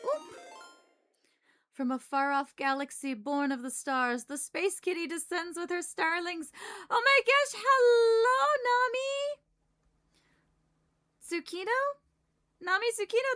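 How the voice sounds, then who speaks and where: A woman livestreamer chatting casually with a cute, excitable anime-streamer delivery. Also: very high-pitched.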